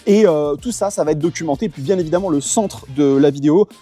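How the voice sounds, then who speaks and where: Chatty young French-speaking moto vlogger. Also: male voice, on the high side, quick pace, warm tone, soft background music. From Portugal. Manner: chatty, lots of fillers and thanks to sponsors. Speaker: motorcycle vlogger. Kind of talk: casual moto vlog.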